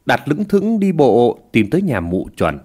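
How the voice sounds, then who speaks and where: A man telling a village story with lively, expressive narration. His pitch sits in a middle register. The intonation moves animatedly from line to line. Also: unhurried.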